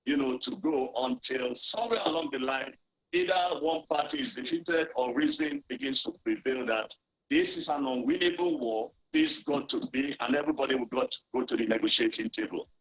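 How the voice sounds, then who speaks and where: A man's voice: mid-range voice, fairly quick, fairly bright tone, highs cut off. A man, a former diplomat, speaking as a guest on a news program over a distorted, fuzzy remote audio line, often hesitant with fillers and restarts.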